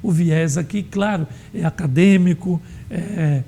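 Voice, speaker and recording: A man from Brazil teaching an adult Sunday school Bible lesson, explaining in a measured way with frequent fillers. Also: on the high side, warm tone.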